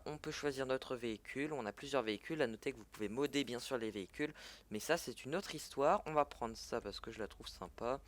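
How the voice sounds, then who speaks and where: A man giving a casual, chatty gameplay tutorial in French, often correcting himself as he goes. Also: medium pitch. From French-speaking. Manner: chatty, self-correcting, fillers. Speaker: gaming tutorial creator.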